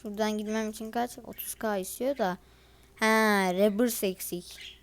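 A woman's voice: mid-range voice, steady tone, moderate pace, a little hiss or hum. A teenage girl, casually commenting over her gameplay in a chatty, grumbling way and talking straight to her viewers. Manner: chatty, grumbling and exasperated, addresses viewers directly. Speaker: gaming video creator.

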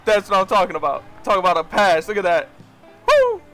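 A young man streaming a hockey game with friends, yelling at the game, swearing and laughing as he plays. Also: sits high, wildly swooping pitch, fairly quick, faint music behind. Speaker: gaming streamer. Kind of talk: excited gameplay chat.

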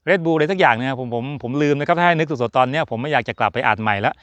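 Chatty man with a smooth dry voice. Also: a little high, racing, a bit bright, no echo. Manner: chatty, jokey, rambling with fillers. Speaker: F1 channel host. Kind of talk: casual chat to camera.

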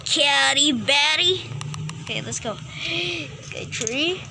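Playful high-voiced woman, noisy recording. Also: slow, creaky. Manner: playful, excitable, repeats words in bursts. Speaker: narrator voicing all characters. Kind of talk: homemade animated story with voices.

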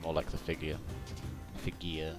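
A rumbling low, monotone voice delivers unhurried let's-play commentary from this male gaming video host. He's chatty and playful, tossing out exclaimed sound effects. The clip carries game music and sounds in the background, with doubled game audio.

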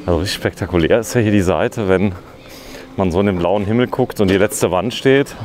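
A man's voice: deep voice, fairly quick, a little mellow. A man hosting a video at a demolition site, chatting with workers and commenting on the work. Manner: chatty, curious, interviewing. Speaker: video host. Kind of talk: vlog commentary. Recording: outdoor noise with traffic.

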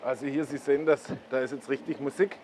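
A man's voice: medium pitch, steady tone, fast, a little mellow, slight background noise. A man hosts a koi blog, explaining things casually at a pond and pointing them out to the viewer.

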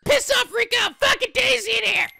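A very shrill, crackly squawk from a brash, crude duck who shouts and curses. The tone is piercing and harsh, and his whole manner is defiant. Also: brisk, vocal fry, full character voice. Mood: angry. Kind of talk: comedic let's play commentary.

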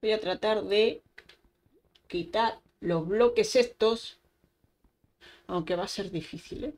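A woman's voice: medium pitch, slow, a little mellow. A young woman giving chatty Minecraft gameplay commentary, talking to herself as she plays. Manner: chatty, talks to herself while playing, frequent exclamations. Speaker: gaming YouTuber. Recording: faint keyboard typing and clicks behind.

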